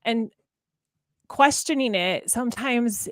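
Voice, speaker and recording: A woman speaking as a parenting coach in a casual podcast interview, talking in animated bursts with many restarts, and acting out the voices of parents and children. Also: on the high side, takes it slowly, dry recording, clean studio sound.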